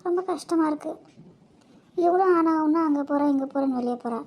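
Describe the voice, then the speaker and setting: A woman's voice: sits high, fairly quick, a little mellow. A female performer playing the worried wife of a poor family in an amateur family skit, speaking anxiously and complainingly. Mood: distressed.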